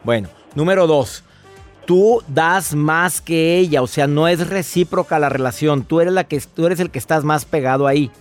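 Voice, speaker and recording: This radio show host, fairly high-pitched and speaking at a normal pace over faint background music, counsels a caller in a warm, fatherly, emphatic way, throwing in rhetorical questions before interviewing a guest.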